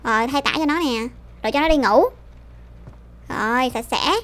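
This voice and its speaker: A woman's voice: a little high, moderate pace, fairly bright tone, slight background noise. A woman hosting a let's-play, chatting casually to viewers and a friend as she plays. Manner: chatty, addresses viewers directly. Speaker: gaming channel host.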